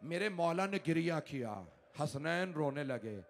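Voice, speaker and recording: Male cleric, mourning sermon, high-set voice, hushed to wailing swings, outdoor PA sound with faint ambience. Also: animated, a little slow, a little hiss or hum. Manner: impassioned, swinging from hushed to loud lamenting. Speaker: Shia cleric delivering a majlis. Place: large outdoor mourning gathering.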